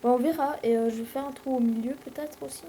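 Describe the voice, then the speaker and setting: Une jeune femme à l'français commente sa partie de jeu vidéo sur un ton décontracté et bavard, avec beaucoup d'hésitations. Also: female voice, high-pitched, fairly even intonation, quick pace, mellow, a little hiss or hum, poor audio. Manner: rambling, chatty, many fillers. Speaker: let's play host. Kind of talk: casual gameplay commentary.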